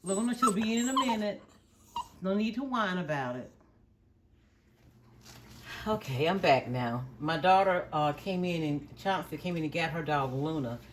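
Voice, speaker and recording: A woman's voice: on the low side, moderate pace, pauses often, a little hiss or hum. A middle-aged woman hosting a home cooking video, firmly telling her dogs to stop barking and then explaining each step plainly. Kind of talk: casual cooking demonstration. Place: home kitchen with dogs nearby.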